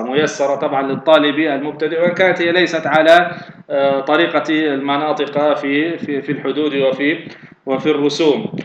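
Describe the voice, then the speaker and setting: A man teaching a grammar lesson at a quick clip, his voice sitting slightly high. He puts questions to himself and answers them, with fillers and restarts throughout. The recording is echoey and dull, with a faint hiss behind it. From Tunisia.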